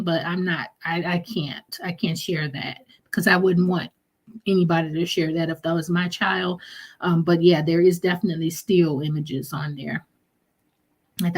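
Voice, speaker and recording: A middle-aged woman hosting a live stream, greeting viewers by name and reading their comments in a casual, chatty way that often trails off and restarts. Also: lowish voice. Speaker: livestream host.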